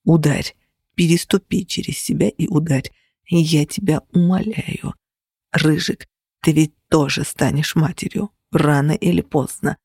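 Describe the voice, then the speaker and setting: A reader voicing a low whispering male companion. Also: measured pace, gravelly, husky, no echo, studio quality, exaggerated voice. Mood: pleading whisper. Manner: hushed, pleading then commanding. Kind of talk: audiobook character voice.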